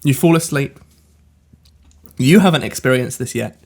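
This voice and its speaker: A man narrating as game master of a tabletop game, describing scenes in a measured way with the odd hesitant filler. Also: medium pitch, gravelly, darkish tone.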